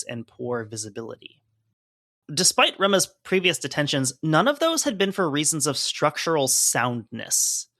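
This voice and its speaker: Bright, tense-voiced male podcast host. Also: on the high side, no echo, studio quality. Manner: conversational, hedging with fillers while explaining. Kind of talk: casual chat reading from a report.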